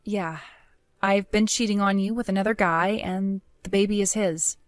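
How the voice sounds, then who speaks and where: A scheming young wife who has been unfaithful, coaxing and pleading in a middle-pitched voice, as a woman acts her out. The sound is dry and close, with no room around it. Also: steady tone, normal speed, no echo, close to an everyday voice. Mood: cold.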